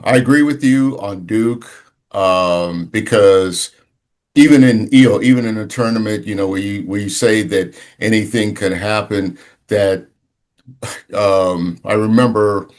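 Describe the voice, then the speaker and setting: Male sports podcast co-host, voice on the low side, casual and halting, often restarts mid-sentence. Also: a little mellow. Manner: halting, searching for words, many restarts.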